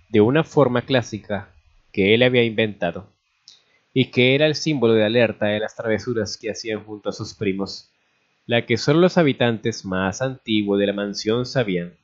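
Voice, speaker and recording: A man with a fairly low voice reads a melodramatic story aloud at a steady pace. He now and then goes back over a stumbled word. The recording sounds dull and lo-fi. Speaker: narrator. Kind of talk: reading a fan story aloud.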